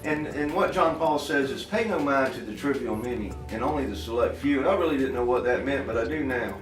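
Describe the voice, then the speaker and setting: An inventor and farm irrigation worker from Florida talks as an interview guest, earnest, folksy, plain-spoken and emphatic. He has a mid-range voice with lively intonation and a fairly quick pace. The recording sounds roomy, captured by a distant mic over faint background music.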